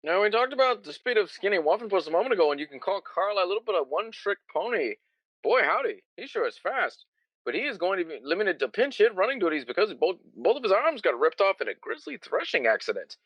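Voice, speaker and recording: A man doing a fast-talking backwoods rancher. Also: high voice, sing-song, no room sound, muffled recording. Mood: matter-of-fact. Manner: cheerful drawl about grisly things. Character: deadpan backwoods male rancher, cheerfully grim. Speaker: co-host playing a backwoods rancher. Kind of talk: comedic 1920s radio parody.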